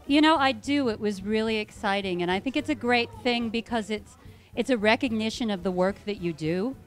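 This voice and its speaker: A woman's voice: a little high, fairly quick. A woman producer and singer chatting casually and enthusiastically in an interview. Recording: faint music behind the interview.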